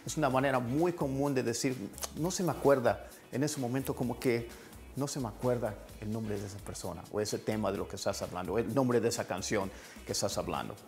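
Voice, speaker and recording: A man's voice: medium pitch, a little mellow, faint music behind. Casual man teaching English phrases. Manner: repeats phrases slowly for practice. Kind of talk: casual language lesson.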